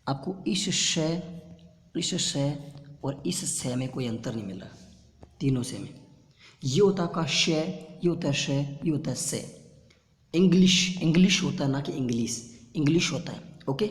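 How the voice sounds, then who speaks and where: A man's voice: mid-range voice, a little mellow. Echoey Hindi-speaking male lecturer. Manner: drills pronunciation, repeats terms slowly. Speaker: teacher. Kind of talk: online exam-prep lecture. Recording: echoey room with long reverb.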